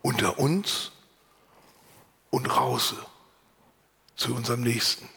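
A pastor preaching a sermon, earnest and lively, sometimes dropping to a whisper and then rising for emphasis, with a voice he himself calls unusual. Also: medium pitch, slow, big-room sound. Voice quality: husky. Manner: earnest, varied, drops to whispers and rises for emphasis. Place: church.

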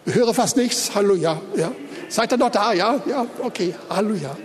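A man's voice: high-pitched, fairly quick, slight background noise. A man preaching and praying before a congregation, speaking earnestly and addressing them directly. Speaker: pastor. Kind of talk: sermon and prayer. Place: church hall. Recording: long hall reverb.

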